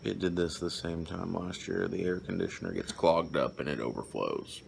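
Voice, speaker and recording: A man's voice: deep voice, normal speed, vocal fry. A man chatting for a family vlog in a dry, matter-of-fact way, teasing his kids. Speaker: father, co-vlogger. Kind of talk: casual family chat. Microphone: handheld phone. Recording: noisy phone video with loud vehicle hum.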